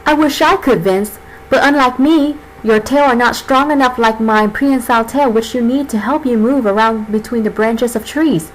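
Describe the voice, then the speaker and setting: A woman's voice: fairly high pitch, normal speed, close to an everyday voice, poor audio. A woman putting on a sweet, vain tree boa. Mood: explaining. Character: kind-hearted female emerald tree boa, vain and gentle.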